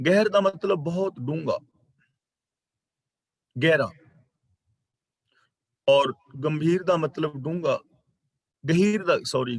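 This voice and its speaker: Man explaining scripture words, slow and dry. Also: on the high side, dry recording. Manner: explains word meanings and corrects pronunciation; slow, deliberate recitation of verses. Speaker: religious teacher. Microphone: online class microphone.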